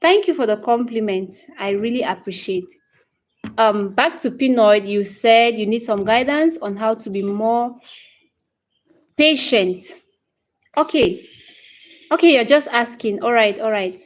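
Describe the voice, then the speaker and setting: A woman in her thirties, speaking English with a Cameroonian accent, hosts an informal live lesson in a slightly high, expressive voice that's a little slow, with long pauses. She names viewers as she greets them, responds to each comment in turn, repeats phrases, and checks in with "okay?"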